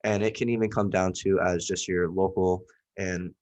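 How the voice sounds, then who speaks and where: A young man from Southwest Florida, nasal from a cold, presents to his class in a casual, wandering way full of fillers. His voice is low and darkish, with fairly even intonation at a normal speed.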